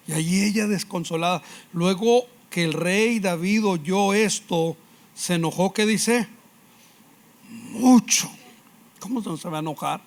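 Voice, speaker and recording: Pastor, man, slightly high voice, animated and engaging preaching style. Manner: animated preaching, frequent questions to the congregation. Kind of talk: sermon.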